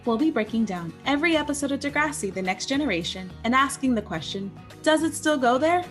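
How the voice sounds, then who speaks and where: Brief: young woman co-host, higher voice, bubbly and giggly. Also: expressive, quick pace, soft background music. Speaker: podcast co-host. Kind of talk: casual chat.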